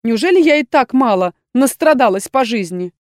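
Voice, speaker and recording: A woman's voice: a little high, expressive, moderate pace, darkish tone, no echo, studio quality, natural voice. A woman voicing a young female necromancer student who complains dramatically and theatrically. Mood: exasperated. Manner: exasperated, theatrical lamenting. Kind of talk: audiobook character voice.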